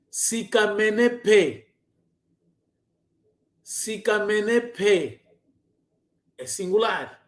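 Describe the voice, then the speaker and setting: A language teacher gives a spoken lesson, repeating each word slowly several times. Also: medium pitch. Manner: drills each word by slow repetition. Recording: roomy echo.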